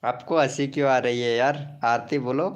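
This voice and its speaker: A man's voice: medium pitch, steady tone, normal speed. A man hosting a casual live stream, chatting playfully with viewers and teasing them by name as he promotes their channels.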